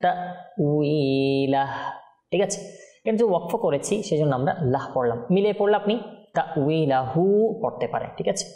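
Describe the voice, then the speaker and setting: A man teaching Quran recitation, chanting verses slowly and melodically, then explaining pronunciation rules in quick, plain speech. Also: a little high, animated, dark tone, echoey room. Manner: alternates slow melodic chanting with brisk explanation.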